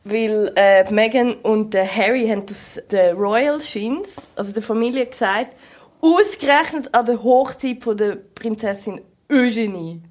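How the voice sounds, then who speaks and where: A woman's voice: fairly high pitch, a little slow, darkish tone. A woman with a Swiss German accent co-hosting a podcast, playful and joking as she acts out little scenes. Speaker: podcast co-host. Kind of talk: casual chat.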